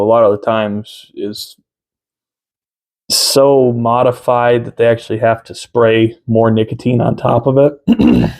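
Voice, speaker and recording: A man in his thirties giving a casual review to camera, unhurried and halting, often pausing mid-sentence. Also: mid-range voice, a little mellow. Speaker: tobacco reviewer. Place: small room at home, indoors.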